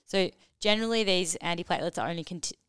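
Clear, smooth woman with a low-pitched voice. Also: quick pace, fairly bright tone, no room sound, studio quality. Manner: informal, explanatory. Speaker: podcast host and medical teacher. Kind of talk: casual educational discussion.

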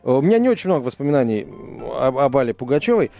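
A man's voice: medium pitch, very animated, fast talker, mellow, faint music behind. A man co-hosting a live radio talk show, bantering playfully with his partner. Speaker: radio co-host.

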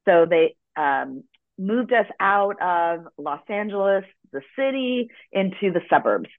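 Her voice is medium-pitched, expressive, and unhurried: a middle-aged woman from the United States, a guest in a conversational interview, reflecting earnestly on her story. The phone line is dry and tinny, with no room sound.

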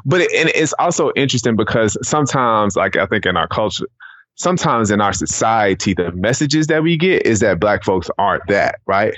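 An education non-profit founder from the Atlanta area of Georgia, USA, speaks as a podcast guest in a fairly low, expressive, fairly bright male voice at a fairly quick pace. He tells personal stories in an informal, meandering way with many conversational tags, and the recording is muffled and roomy.

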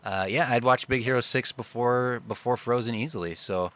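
A man's voice: mid-range voice, normal speed, a bit bright. A man co-hosting a podcast, talking casually about films in a rambling, reflective way. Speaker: podcast co-host. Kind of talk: casual film discussion.

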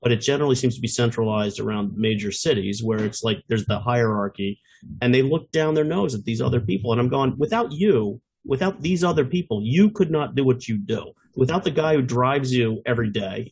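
A man's voice: mid-range voice, fast, vocal fry, slightly rough. A man from upstate New York in a casual political chat, wry and exasperated, rambling a little as he talks.

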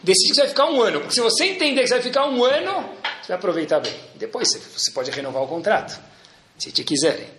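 A man's voice: sits high, big pitch swings, racing, roomy sound, background noise. A man with a Brazilian accent giving a Torah lesson, asking rhetorical questions and acting out little dialogues. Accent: Brazilian Portuguese. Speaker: rabbi teaching Torah.

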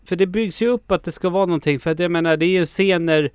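A man co-hosts a casual film podcast, talking excitably and stumbling over his restarts. His voice is smooth and clear, a little higher than most men's. It sounds dry and close to the mic. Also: dry recording. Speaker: podcast co-host.

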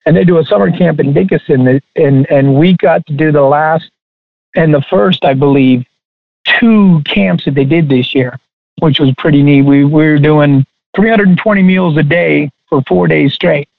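A guest chef from Texas talks casually in an interview, his voice on the high side and creaky. The dry recording sounds narrow and tinny, and his speech is halting, with frequent restarts.

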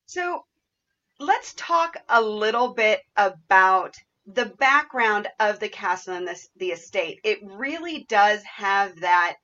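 A woman's voice: mid-range voice, lively intonation, takes it slowly, sharp tone, lo-fi sound. A woman hosting a podcast interview in a conversational style. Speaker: podcast host.

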